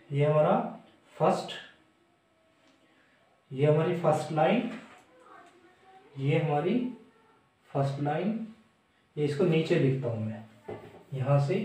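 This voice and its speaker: A man teaching a blackboard grammar lesson, slowly repeating and sounding out letters aloud, in a classroom. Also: a little high, darkish tone, distant mic. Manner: slow, repetitive, demonstrating sounds aloud. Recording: echoey room, voice from the mic.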